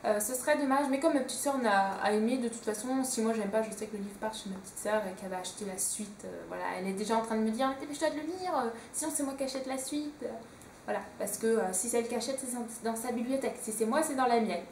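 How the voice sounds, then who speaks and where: A young Frenchwoman with a high voice chats about her books, hesitating often and filling gaps with little fillers. She sits a bit away from the mic in an echoey room, with faint ambient hiss behind her. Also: steady tone, fast talker, few pauses, a little mellow, far from the mic. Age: young adult. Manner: chatty, hesitant with many fillers. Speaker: book vlogger. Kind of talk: casual chat.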